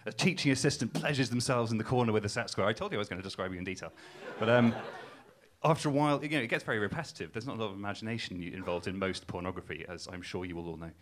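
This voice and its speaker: There's a little hiss or hum as a young Geordie from Newcastle, England, performs stand-up onstage to laughter. He talks at a racing clip in a lowish, fairly bright voice, his delivery casual, self-mocking and full of hesitant ums.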